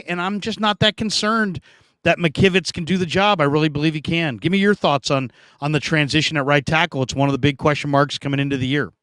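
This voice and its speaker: Animated male sports talk host. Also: smooth, dry recording, studio quality. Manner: animated, jumps up in pitch for emphasis.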